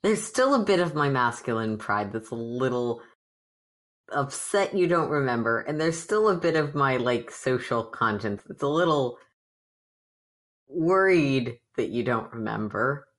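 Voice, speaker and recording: Wry young male changeling cleric, voiced by a woman, very low pitch, measured delivery. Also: lively intonation, full character voice.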